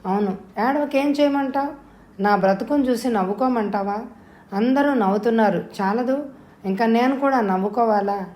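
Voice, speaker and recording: A woman reading the part of a feverish young woman who hurls sharp, bitter reproaches at her lover. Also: fairly high pitch, normal speed, lightly acted. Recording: roomy echo.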